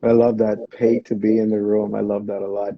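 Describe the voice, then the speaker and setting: A man's voice: on the low side, flat delivery, brisk, no echo, muffled recording. A man from the Bahamas hosting a podcast, affirming and reflective, often praising his guest in casual interview chat. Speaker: podcast host.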